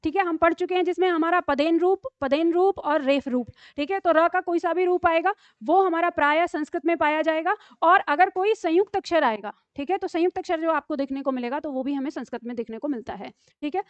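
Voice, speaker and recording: High-voiced woman teaching a lesson. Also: a little fast, few pauses, no echo, highs cut off. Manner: explains patiently, checks in with frequent rhetorical questions. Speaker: Hindi teacher. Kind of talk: online classroom lesson.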